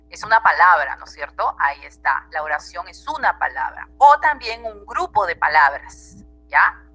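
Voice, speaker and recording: A woman's voice: fairly high pitch, bright, forceful tone, poor audio. A woman teacher with a Peruvian Spanish accent, giving an online class lecture, often quizzing her students and repeating key phrases.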